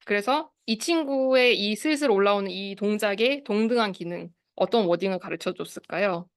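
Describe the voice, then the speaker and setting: A woman's voice: medium pitch, moderate pace, no echo, studio quality. A woman in her thirties, a speech therapist giving an online lecture to parents and teachers, explaining and asking the audience questions. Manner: explanatory, asks the audience questions, acts out quoted phrases. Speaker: speech therapist leading a study group.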